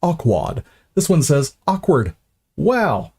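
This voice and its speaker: A man's voice: mid-range voice, animated, moderate pace, dark tone. A man unboxing gear on a live stream, chatty and self-mocking, stumbling over words and starting lines again.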